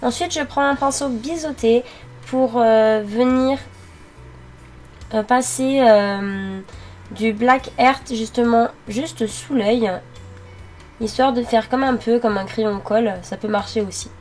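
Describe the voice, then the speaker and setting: Young woman, kinda high voice, walking thru her makeup, lots of ums, faint music under it. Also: a little mellow. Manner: halting, many fillers while working. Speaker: beauty vlogger. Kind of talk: makeup tutorial voice-over.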